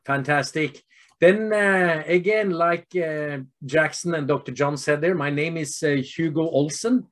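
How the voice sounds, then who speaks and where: A man in his fifties with a Norwegian accent, giving an earnest health presentation to doctors over a video call and pausing often on fillers. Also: a little high. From Norway. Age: 50s. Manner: earnest, steady, with frequent filler pauses.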